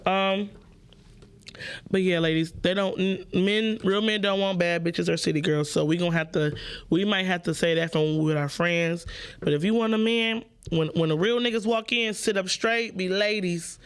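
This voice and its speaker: A woman's voice: lowish voice, moderate pace, smooth. A young woman hosting a casual call-in podcast, talking bluntly and playfully with plenty of profanity, straight to her listeners. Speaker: podcast host.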